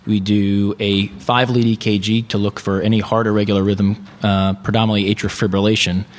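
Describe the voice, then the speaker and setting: Lower-voiced doctor explaining in a hall. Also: male voice. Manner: earnest, explanatory, some fillers. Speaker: physician guest. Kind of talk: expert explanation on radio. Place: reception hall. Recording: long hall reverb from live venue.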